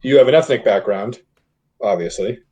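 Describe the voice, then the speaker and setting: A man's voice: on the low side, moderate pace, mellow. A man from the Boston area, a guest on a casual podcast, chatty and prone to side stories. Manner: chatty, laughs easily, tells side stories. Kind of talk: casual chat.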